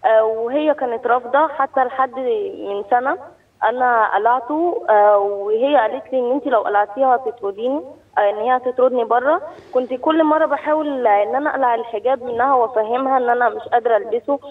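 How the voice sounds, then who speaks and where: A young woman from Cairo with an Egyptian accent, calling in to a radio show over the phone and telling her story in an earnest, halting way. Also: a little high, breathy edge. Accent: Cairene Egyptian Arabic. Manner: earnest, halting, with frequent pauses. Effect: phone call heard over the radio. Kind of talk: telling a personal story on air. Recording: tinny distant phone line.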